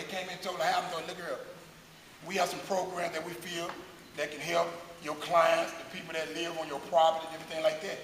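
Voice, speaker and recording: A man's voice: on the high side, vocal fry, fairly bright tone. Earnest man in an echoey hall. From West Dallas, Texas. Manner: earnest, halting with many uh's and repeats. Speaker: guest speaker. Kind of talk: speaking to an audience. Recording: echoey hall, faint hiss.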